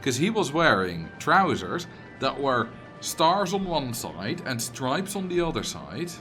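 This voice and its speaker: A very animated male streamer of medium pitch, bright and forceful yet measured in pace, talks casually with a Dutch accent, answering his viewers' messages as he plays. Behind him, game music is playing.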